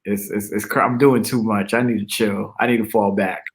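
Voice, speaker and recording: A man, a pastor chatting as a guest in a relaxed way and joking about himself. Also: lowish voice, normal speed. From Brooklyn, New York. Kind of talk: casual interview chat.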